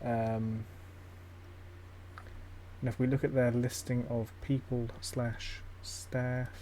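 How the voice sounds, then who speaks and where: A man's voice: medium pitch, flat delivery, slow, warm tone, a little hiss or hum. A man giving casual, skeptical commentary while watching a ghost-hunting show, blunt and swearing now and then. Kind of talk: casual live-stream commentary.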